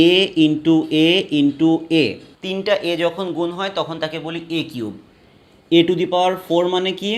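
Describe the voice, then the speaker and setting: A man teaching a math lesson, slowly spelling out each step and counting aloud for his students. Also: on the high side. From Bangladesh. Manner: slow, deliberate, spells out steps and counts aloud. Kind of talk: classroom math lecture.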